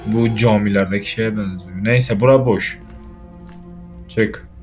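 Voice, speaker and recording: A young man with a lowish voice narrates his horror game playthrough in a loose, casual way. He is jumpy and swears freely, shouting out when frightened. Faint game music plays underneath. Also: steady tone, measured pace. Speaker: gaming YouTuber. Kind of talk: let's play commentary.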